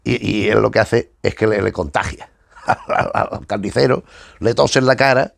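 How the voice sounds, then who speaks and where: A man's voice: fairly low pitch, moderate pace, creaky, no echo. A man reviewing comic books in a casual, hesitant way, often repeating words as he searches for the next thought. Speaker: comic book reviewer, channel host. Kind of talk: casual spoken review while leafing through comics.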